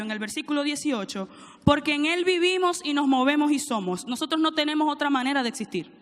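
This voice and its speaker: A woman's voice: high voice, fairly bright tone, in a large hall. A woman preaching a sermon, reading scripture aloud and prompting the congregation to call back answers. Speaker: preacher, church teaching director.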